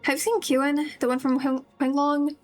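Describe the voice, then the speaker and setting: Speaking at normal speed in a high, level, slightly mellow voice, this woman streamer offers rambling, relaxed commentary on her game and chats to viewers. Game music runs underneath.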